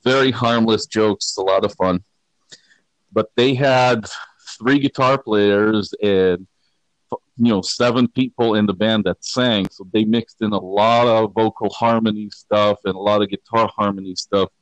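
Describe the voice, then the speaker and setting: A man's voice: fairly low pitch, measured pace, dry recording, poor audio. A man from Israel, a guitarist talking casually and with dry humor as an interview guest. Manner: relaxed, rambling, self-deprecating humor. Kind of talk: conversational interview.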